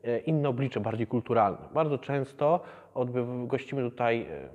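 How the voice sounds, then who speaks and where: A man in his thirties, a museum educator, explaining the exhibition in a measured way with many hesitations. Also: mid-range voice, animated, darkish tone, long reverb tail, muffled recording. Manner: measured, with frequent hesitation fillers. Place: museum exhibition hall, indoors.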